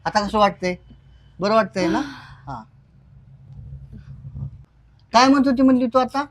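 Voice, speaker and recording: A woman's voice: a little high, fairly quick, natural voice. A woman playing a puzzled, dismissive village husband in a comedy skit, brusque yet coaxing, with a rural Marathi accent.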